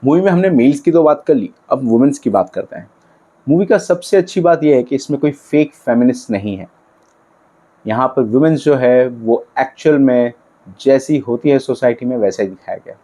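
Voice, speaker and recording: Blunt man with a dark voice giving film commentary. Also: mid-range voice, animated, normal speed. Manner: blunt, argumentative, rhetorical questions.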